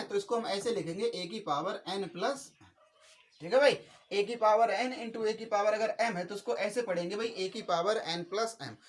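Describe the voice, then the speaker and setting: A male maths teacher giving a classroom-style lecture, slow and repetitive, adding "okay brother" after nearly every sentence. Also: high voice. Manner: slow and repetitive, spells out each step.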